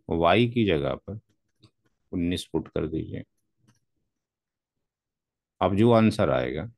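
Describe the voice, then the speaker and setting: A man's voice: low-pitched, a little mellow, no room sound. A man teaching a classroom lecture as a networking instructor, methodically spelling out numbers step by step.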